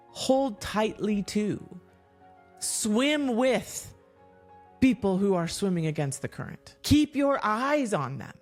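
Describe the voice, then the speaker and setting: An earnest woman delivers a motivational podcast monologue, stacking up repeated urgings and dropping low and slow to land her points. Her voice sits at an everyday middle pitch. Faint music plays softly underneath. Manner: earnest, repetitive exhortations. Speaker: podcast host.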